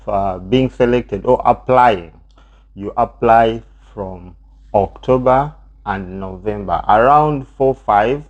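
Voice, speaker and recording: A man leads a relaxed talk as co-host, dropping "uh" fillers and throwing questions to his partner. His voice sits somewhat low and sounds dull and lo-fi. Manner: chatty, frequent "uh" fillers, prompts his partner. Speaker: channel co-host. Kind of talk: casual chat about visa steps.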